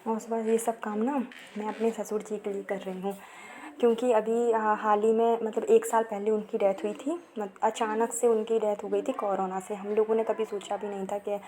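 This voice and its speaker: A woman's voice: mid-range voice, level tone, moderate pace, warm tone. A young woman vlogging casually about her home from the rooftop on a handheld phone, rambling and chatty with many fillers. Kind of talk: casual home vlog chat. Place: rooftop of a house, outdoors. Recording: noisy outdoor recording.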